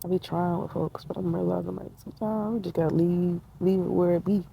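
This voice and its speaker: A woman's voice: on the low side, fairly even intonation, a little fast, creaky, warm tone, slight background noise, low-quality recording. A woman in her twenties sitting outdoors in a tree, talking in a casual, reflective way, slangy and spiritual, with laughter. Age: 20s. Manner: laid-back, spiritual, slangy, laughs often. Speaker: vlogger.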